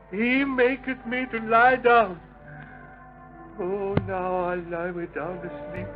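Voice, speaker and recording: An actor playing a frightened, wily murder suspect in a vintage radio crime drama, with theatrical, folksy dialect and repetitive pleading. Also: male voice, high voice. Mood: frantic praying. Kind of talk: 1930s-1940s radio crime drama acting. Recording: muffled vintage radio recording, music bleed.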